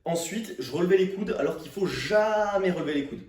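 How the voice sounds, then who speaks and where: A man's voice: sits high, expressive, brisk, darkish tone. A young man venting casually to camera in slang, exasperated and ranting, with swearing. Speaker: fitness vlogger. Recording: roomy echo, distant microphone.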